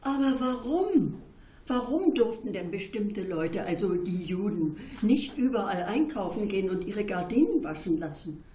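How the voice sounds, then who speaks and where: A woman's voice: mid-range voice, very animated, moderate pace, dark tone, a little hiss or hum, close to an everyday voice. A woman reading aloud and voicing a curious, outspoken schoolchild who keeps asking why. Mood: insistent. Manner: insistent questioning. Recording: roomy echo.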